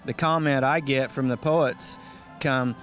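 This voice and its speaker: A man's voice: mid-range voice, fairly even intonation, unhurried, fairly bright tone, faint music behind. A man with a folksy, easygoing manner, speaking casually as an interview guest who organizes and emcees events.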